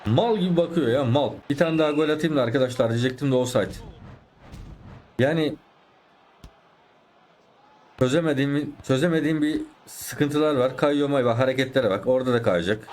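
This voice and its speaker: A man's voice: mid-range voice, normal speed, pauses often, darkish tone. A man with a sore throat, commentating his own soccer gameplay and getting frustrated and swearing at the opponent and the game. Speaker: gaming YouTuber.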